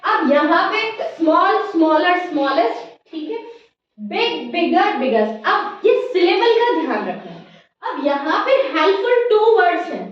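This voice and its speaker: A woman teacher explaining grammar slowly in a classroom lesson, often checking whether her students have understood. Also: very high voice, sing-song. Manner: addresses listeners as "beta" in a motherly teacher way. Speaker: English teacher. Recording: echoey room, distant mic, dull sound.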